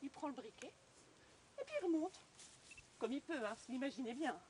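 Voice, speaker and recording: A woman with a high-pitched, slightly quick voice tells a fairy tale to a live crowd on an outdoor storytelling walk, with some faint noise behind her. She is an animated storyteller who speaks directly to her listeners.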